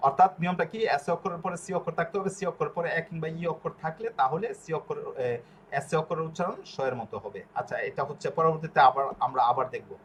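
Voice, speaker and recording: A man whose first language is Bengali teaches a pronunciation lesson, spelling out letters and repeating short syllables slowly and deliberately. His voice is slightly high-pitched with a fairly bright tone, and there's a little hiss or hum.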